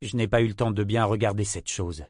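A grim, wounded swordsman, voiced by a male reader speaks low and firm in short, clipped phrases. His voice is deep and dry, close to the mic. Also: fairly even intonation, fairly quick, a little mellow, no echo, natural voice.

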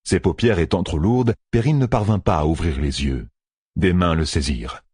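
A man reading a fantasy audiobook in a measured, expressive storytelling voice. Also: low voice, slightly rough, dry recording, clean studio sound. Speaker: audiobook narrator. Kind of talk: scripted fantasy audiobook narration.

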